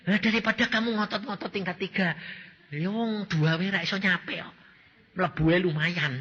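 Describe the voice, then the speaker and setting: A male pastor with a Javanese accent delivers a lively sermon, his pitch swooping widely as he keeps quizzing the congregation. His voice is forceful and a little husky. It rings out in a long hall reverb on a dull, lo-fi recording. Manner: animated, questioning the congregation.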